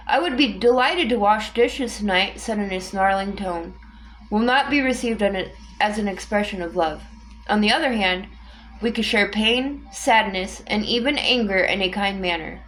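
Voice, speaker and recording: A woman reading a book aloud in a calm, measured way, with an occasional small restart. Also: medium pitch, slight background noise. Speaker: audiobook reader.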